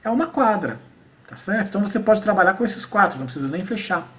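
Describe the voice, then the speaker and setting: With a high voice, lively intonation and a somewhat bright tone, this man is captured on a distant mic. In an informal lesson for teachers, the Paraíba cordel poet, Northeastern Brazilian accent and all, explains poetry, slows down to recite verses, and keeps checking understanding with "né?" and "tá?".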